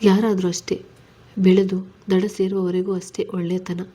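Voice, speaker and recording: A woman's voice: fairly low pitch, little pitch movement, normal speed, dark tone, husky. A woman reading a story, voicing a stubborn but tender young husband who is weary and troubled.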